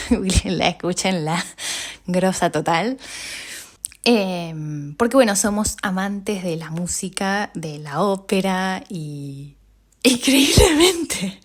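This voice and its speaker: Rioplatense woman, podcast host, personal storytelling, animated, laughs often, mid-pitched voice, fillers and sudden pitch jumps. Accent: Rioplatense Spanish.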